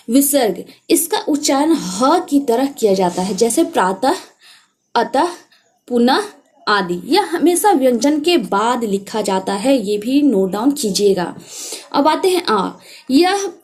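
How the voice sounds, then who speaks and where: High-pitched lady teacher, exam prep grammar lesson, keeps telling you to note it down. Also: a little mellow. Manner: repeats reminders to note things down; stretches out example words slowly.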